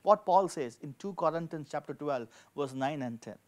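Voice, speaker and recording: A man in his forties preaches a sermon as a pastor, reading scripture and praying, speaking emphatically and repeating key phrases for effect. His voice is a little high, expressive and a little mellow, at a moderate pace. He stands at a lectern in an indoor studio with a dark backdrop, using a handheld microphone.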